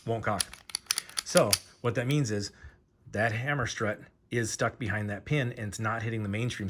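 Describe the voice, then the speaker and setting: A man with a fairly low voice talks through a hands-on repair, pausing and restarting as he works. The delivery is casual and plain. Faint noise and soft mechanical clicks sit behind him. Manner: halting, many fillers and restarts, talks while working. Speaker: host demonstrating pistol disassembly.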